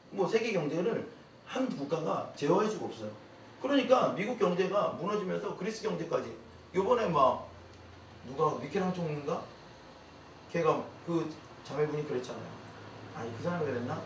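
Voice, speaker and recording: Guy giving a camp lecture, kinda high voice, acts out little dialogues, sounds far from the mic. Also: a bit bright. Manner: acts out quoted dialogue in casual speech; addresses the audience directly with questions. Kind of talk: lively lecture to a camp audience. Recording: echoey room from far off, faint noise.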